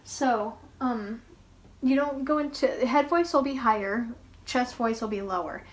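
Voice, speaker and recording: A woman's voice: a little high, unhurried. A woman voice teacher coaching a singing lesson in a patient, encouraging way.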